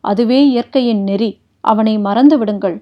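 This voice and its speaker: A woman voicing a stern, restrained old warrior-prince who speaks in a grave, measured, formal way, read for an audiobook. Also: a little high, highs cut off, lightly acted. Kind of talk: audiobook character reading.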